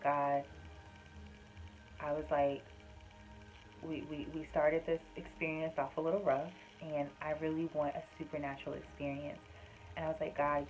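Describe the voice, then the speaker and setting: A young woman vlogger casually recounts her birth story to her viewers, chatting with frequent fillers and calling them "y'all." Her voice is deep and a little mellow, and the recording quality is low.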